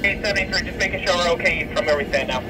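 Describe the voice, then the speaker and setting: A man's voice: sits high, rapid-fire, very noisy. A man giving brief railroad crew replies over a walkie-talkie radio.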